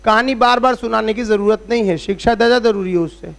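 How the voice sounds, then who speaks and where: A man's voice: high-pitched, fast talker, gravelly, fairly bright tone. A man teaching physics as a classroom lecture at a board, explaining step by step and checking in with rhetorical questions. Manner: uses everyday analogies.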